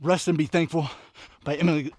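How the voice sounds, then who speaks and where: A man with a slightly high voice gives a casual book recap while running. He is winded and speaks in short, breathy phrases. The sound is very dry, with no echo around the voice. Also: fairly even intonation, brisk, a little mellow. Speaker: book reviewer vlogger. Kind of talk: casual book recap vlog recorded on a run. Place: outdoors at night.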